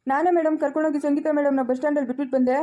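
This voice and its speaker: A woman's voice: sits high, little pitch movement, mellow, close to an everyday voice. A woman voicing a polite, deferential driver in a Chikkaballapur Kannada accent. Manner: deferential, quick reporting.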